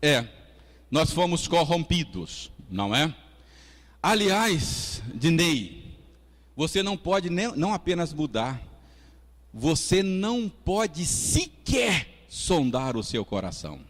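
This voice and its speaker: A man's voice: a little high, slow pace. Man, Brazilian Portuguese accent, pastor, Sunday school sermon, conversational, church reverb. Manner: lively, conversational preaching with audience asides and acted quotes. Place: church hall.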